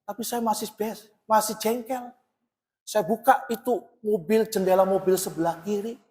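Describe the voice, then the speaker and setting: A man with a notably high voice preaching to his congregation, telling a story with animated emphasis and frequent direct address. His voice rings out through a large church hall with a long, trailing reverb. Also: normal speed. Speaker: pastor. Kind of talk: sermon.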